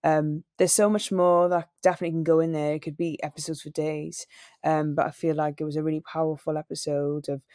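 A woman's voice: low voice, level tone, fairly quick, mellow, no echo, clean studio sound. A young woman from Wales, a singer and radio presenter, answering interview questions in an earnest, storytelling way. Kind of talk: interview conversation.

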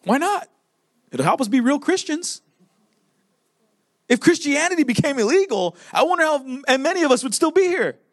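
A man's voice: extremely high pitch, very animated, normal speed, pauses often, no echo, studio quality. A young adult man preaching a sermon as pastor, emphatic and conversational, with repeated phrases.

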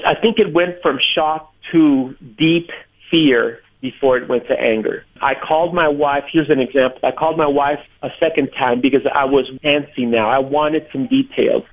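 A man who is a pastor, telling his story in an earnest, measured way during a radio interview by phone. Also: medium pitch. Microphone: telephone. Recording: tinny phone line.

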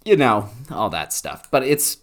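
A man's voice: on the low side, very animated, measured pace. A man co-hosting a podcast in casual chat, easygoing as he talks through what he has been watching. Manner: easygoing, reacting, recommending shows. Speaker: podcast co-host.

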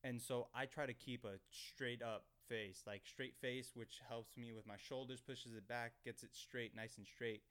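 Rambling young man with a smooth voice. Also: mid-range voice, steady tone, moderate pace, hardly any pauses, fairly bright tone. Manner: rambling, self-conscious, heavy filler words and restarts. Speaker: podcast host. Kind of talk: casual storytelling monologue. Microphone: desk microphone.

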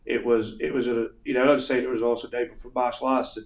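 A man with a northern English accent talks at a middling pitch, rambling humbly with lots of fillers. His voice rings around an echoey room. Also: little pitch movement, fast. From northern England. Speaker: guest, martial arts instructor. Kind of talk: casual interview.

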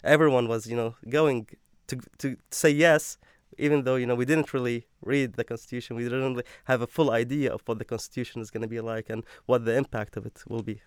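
A man's voice: mid-range voice, steady tone, brisk, clean tone, dry recording, clean studio sound. A young man speaking as a panel guest, hesitant, with many fillers and repeated words. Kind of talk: panel discussion.

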